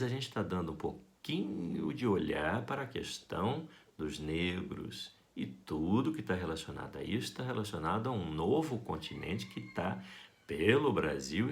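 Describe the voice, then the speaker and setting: A Brazilian man giving a school art lesson, talking to his students in a playful, affectionate and expressive way. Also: lowish voice, moderate pace, creaky. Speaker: art teacher.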